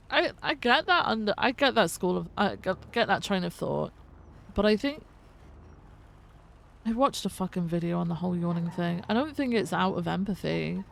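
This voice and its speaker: A woman's voice: on the low side, animated, unhurried, gravelly, pauses often. A woman streamer playing a police officer, chatting casually and profanely while musing aloud during role-play. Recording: faint background noise.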